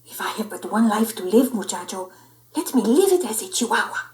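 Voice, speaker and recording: An excitable little boy kitten from a storybook, acted out by a woman. The voice is high and bouncy, with big swings in pitch. It is boastful and theatrical, tipping into singsong. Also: slow pace, exaggerated voice, low-quality recording. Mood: grandly dramatic. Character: excitable, cocky little boy Siamese kitten playing chihuahua. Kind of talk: children's storybook character voice.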